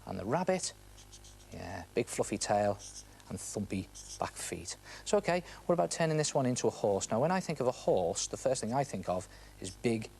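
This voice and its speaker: With a British accent and a fairly low, slightly mellow, sing-song voice showing vocal fry, this children's art show presenter walks kids through a drawing step by step at normal speed. He chats to the viewer, posing questions and answering them playfully, over slight background noise.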